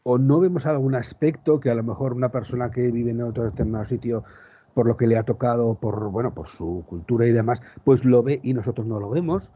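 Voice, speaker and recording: A podcast co-host from Spain, speaking with a Spanish accent, chats casually but hesitantly, repeating words for emphasis. His medium-pitched voice is warm with a breathy edge, a little fast, and the sound is slightly muffled.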